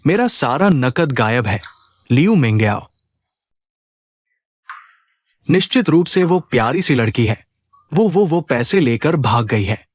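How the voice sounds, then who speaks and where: A man's voice: mid-range voice, very animated, normal speed, no room sound. A man voicing a cowardly old family patriarch in a drama dub, stammering and panicky. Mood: panicked.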